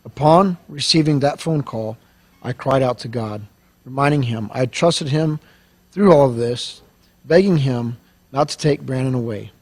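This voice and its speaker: Halting, earnest man. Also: medium pitch. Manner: earnest and halting, many restarts and pauses. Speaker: service company owner and show host. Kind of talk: reading a letter aloud and chatting on a radio show.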